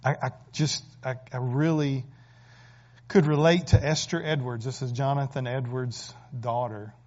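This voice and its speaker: A male pastor preaching a sermon, rising from quiet reflection to loud, urgent appeals. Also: mid-range voice, steady tone, measured pace, muffled recording.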